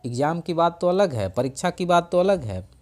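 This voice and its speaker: A man teaching a school Sanskrit lesson, reciting each verse slowly and then explaining it phrase by phrase, repeating key words for his students. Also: fairly high pitch, very animated, a little mellow. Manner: repeats phrases for students, self-corrects with a quick "sorry".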